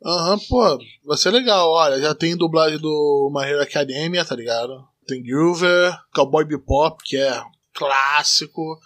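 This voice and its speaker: A Brazilian man with a rather high voice that has a smoky, smoker's tone. He talks like a podcast co-host among friends, loose and animated, full of slang and swearing. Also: a little slow, hardly any pauses.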